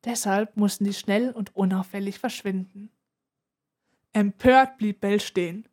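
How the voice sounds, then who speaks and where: A woman narrating a children's adventure story aloud in an even, expressive way. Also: medium pitch, unhurried. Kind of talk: storybook reading.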